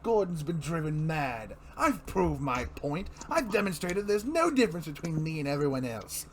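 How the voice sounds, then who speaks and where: A man's voice: a little high, sing-song, normal speed, slight background noise. Man putting on a swooping, theatrical mad clown villain. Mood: smug taunting. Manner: grandiose showman delivery, mocking, swooping emphasis. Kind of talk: dramatic reading of comic book dialogue.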